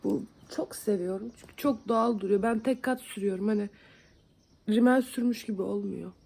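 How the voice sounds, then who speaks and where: A young beauty vlogger from Van, Turkey, does her makeup at home while chatting and joking with viewers, often poking fun at herself. Her medium-pitched voice is brisk, gravelly and mellow, with a breathy edge.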